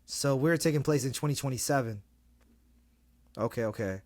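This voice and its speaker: A man co-hosting a casual fan podcast, talking fast and excited in slang, often restarting his sentences. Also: medium pitch, no room sound. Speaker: podcast co-host.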